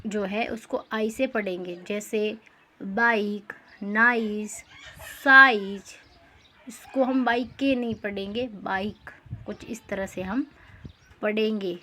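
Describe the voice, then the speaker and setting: Slow, high-voiced woman teacher. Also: sharp tone. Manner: slow, repeats each rule and asks the class questions. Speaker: English teacher. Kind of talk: explaining pronunciation rules.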